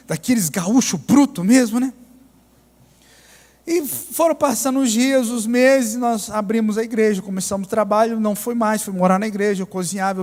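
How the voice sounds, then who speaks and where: A pastor with a Mineiro accent, telling a story in a sermon with ironic humor. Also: male voice, high voice, a little mellow. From Minas Gerais, Brazil. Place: church. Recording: reverberant church hall.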